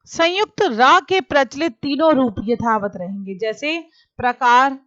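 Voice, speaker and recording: A woman's voice: high voice, a little slow, a bit bright, dry recording, muffled recording. A woman teacher giving a grammar lesson, explaining patiently and repeating each example word.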